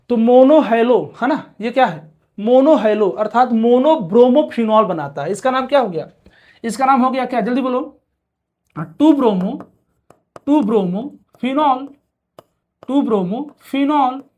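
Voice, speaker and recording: A man's voice: extremely high pitch, normal speed, a little mellow, highs cut off. A male chemistry teacher giving an exam-prep lecture who asks questions aloud, answers them himself, repeats key terms and keeps urging students to pay attention. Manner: repeats key terms several times over.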